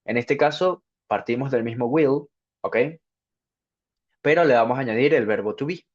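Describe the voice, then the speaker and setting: In this dull, lo-fi recording, an English teacher with a medium-pitched, darkish voice talks through a grammar lesson. He moves slowly point by point, checking understanding with a repeated "ok."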